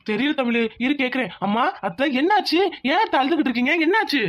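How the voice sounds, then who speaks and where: A woman voicing a practical young village man in a cartoon, brisk and reasoning. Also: high voice, sing-song. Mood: urgent. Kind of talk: cartoon voice acting. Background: soft music.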